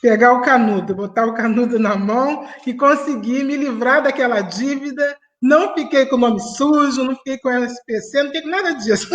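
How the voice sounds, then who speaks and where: A woman's voice: sits high, moderate pace. A middle-aged woman from Niterói, telling her life story as a panelist on a video call and laughing between sentences. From Niterói, Brazil. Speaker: panelist, family doctor. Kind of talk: personal storytelling in an online debate.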